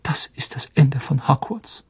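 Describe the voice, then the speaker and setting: A man's voice: high-pitched, expressive, moderate pace, darkish tone, breathy edge, voice pushed up. A man voicing a stern older female teacher in an audiobook reading, grave and commanding. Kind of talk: audiobook character voice.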